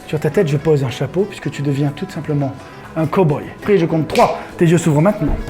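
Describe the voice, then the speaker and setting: A man hosting a comedy hypnosis show, giving slow, calming commands. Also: fairly high pitch, faint music behind. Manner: slow soothing inductions, laughing banter. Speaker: stage hypnotist and host.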